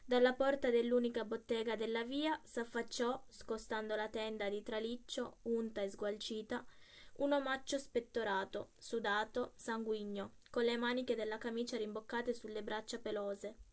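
A woman reading a literary story aloud, expressive and measured. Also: a little high. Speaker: reader.

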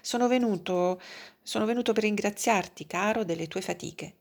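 A woman's voice: medium pitch, normal speed, pitched above the performer's own voice, natural voice. A woman reading as a flustered male doctor. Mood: insistent. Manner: flustered, protesting.

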